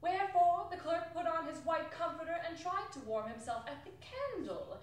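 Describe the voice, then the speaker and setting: A woman's voice: extremely high pitch, expressive, normal speed. A woman narrating with wry storytelling in a stage dramatic reading. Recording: echoey hall from far off.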